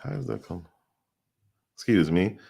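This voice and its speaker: Deep voiced guy talking it through casually, lots of ums, very low pitch. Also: unhurried, creaky, husky. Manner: relaxed, explanatory, with fillers. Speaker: commentary host. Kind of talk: casual commentary.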